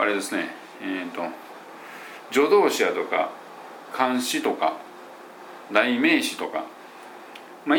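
A man who teaches English pronunciation, chatting loosely in an audio diary with many fillers and self-corrections, and slowing down to demonstrate English phrases. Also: on the low side, creaky, a bit bright, slight background noise. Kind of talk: casual spoken audio diary.

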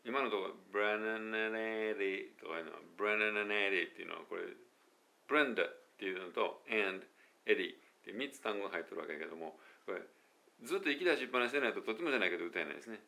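A man's voice: low voice, big pitch swings, very fast, gravelly, pushed and bright. A man speaking, a pronunciation coach chatting casually, correcting himself and laughing at his own slips, dropping English phrases in as he goes. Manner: mixes English phrases into Japanese talk. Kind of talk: casual monologue video.

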